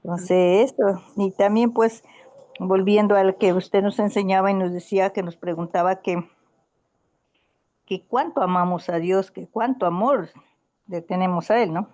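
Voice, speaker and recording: A woman's voice: mid-range voice, fairly even intonation, a little slow, mellow, highs cut off. A woman in a casual Bible study conversation, telling a story in an earnest, rambling way with many restarts.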